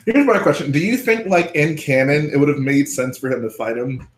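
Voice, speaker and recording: A man's voice: a little high, a little fast. A man hosting a live stream, casually talking through his points and questioning his guest. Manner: questioning, talks things through. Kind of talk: casual chat. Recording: roomy room echo.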